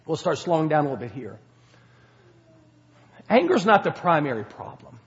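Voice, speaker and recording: A man preaching a sermon in a conversational way, asking the congregation questions and swinging between quiet and loud. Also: fairly high pitch, big pitch swings, normal speed, long reverb tail, dull audio. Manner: conversational, rhetorical questions, dynamic swings in loudness. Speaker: pastor.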